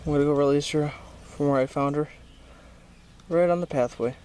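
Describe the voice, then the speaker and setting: A man's voice: fairly high pitch, steady tone, moderate pace, mellow, smooth. A man chatting casually and exclaiming to viewers in an informal, sweary outdoor wildlife vlog, recorded on a handheld camera. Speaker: host of amateur snake-catching vlog. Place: outdoors by a creek in weedy woods. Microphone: handheld camera held by the speaker.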